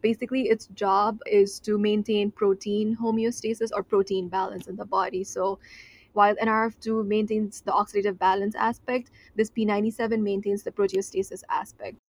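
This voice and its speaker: A young Nepali woman whose first language is Nepali, a PhD student, explains her research slowly in a radio interview, using frequent fillers and hedges. Her mid-range voice keeps a level tone, and the audio is poor, with no room sound.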